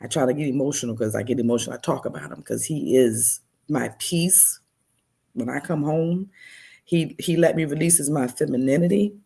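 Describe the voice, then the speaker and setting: A middle-aged woman, a podcast guest, telling her testimony in an animated way and acting out the dialogue. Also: low voice, brisk, gravelly, husky. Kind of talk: storytelling testimony.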